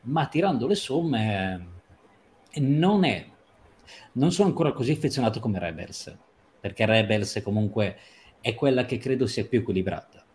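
A man discussing a TV episode on a livestream, talking emphatically and stretching or rushing phrases for stress. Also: medium pitch, expressive, darkish tone. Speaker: series commentator.

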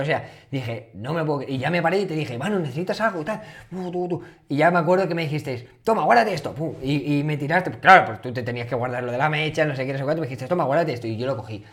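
Chatty male interviewer, mid-pitched. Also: a bit bright. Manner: chatty, recalls shared events and asks reflective questions. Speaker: interviewer and host. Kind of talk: casual interview chat.

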